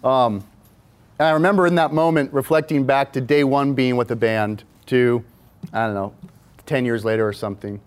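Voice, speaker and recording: A man, a film director, casually telling an anecdote in a rambling way with frequent restarts. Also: medium pitch. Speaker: music video and film director, guest.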